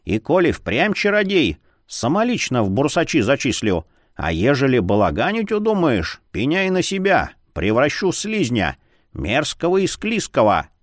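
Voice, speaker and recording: A man voicing a stern, sharp-tongued old woman who keeps a library, scolding slowly and with emphasis. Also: mid-range voice, wildly swooping pitch, dry recording, clean studio sound. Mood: scornful. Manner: scolding, haughty, slow and emphatic.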